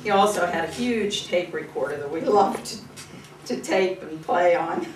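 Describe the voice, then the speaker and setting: A woman's voice: fairly low pitch, moderate pace. An older woman giving an informal eulogy, telling fond personal stories in a conversational way. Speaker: eulogy speaker at a memorial service. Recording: echoey, distant mic with room noise.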